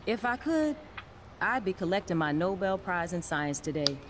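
A woman voicing an earnest, caring science teacher in a video game, speaking in a measured, explanatory way. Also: lowish voice, sing-song. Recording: game audio under a livestream, with background noise.

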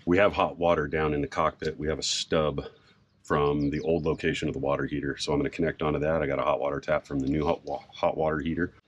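A middle-aged man casually explaining a boat project outdoors in a sailboat cockpit, relaxed and rambling with frequent fillers. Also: extremely low pitch, fast talker, muffled recording. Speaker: sailboat owner and vlogger. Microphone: camera on a mount a few feet away. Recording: outdoor recording with background noise.

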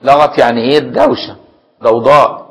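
An Egyptian man teaching a religious lesson in a mid-pitched voice. He moves between reading a classical legal text and plain colloquial explanation. He often stops to ask his listeners if they have followed. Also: steady tone, fast, poor audio. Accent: Egyptian Arabic. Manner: reads a classical text, then glosses it in colloquial speech. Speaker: Islamic jurisprudence teacher.

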